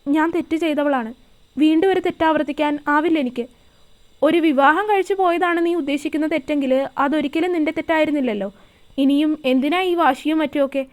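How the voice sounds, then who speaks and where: A woman voicing a gentle but firm elderly grandmother, speaking in a calm, measured, motherly way. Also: sits high, lightly acted. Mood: stern.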